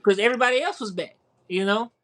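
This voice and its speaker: A man with a high-pitched voice co-hosts a casual sports podcast. He rambles, repeats words and leans on fillers as he talks. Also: quick pace, fairly bright tone. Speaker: podcast co-host.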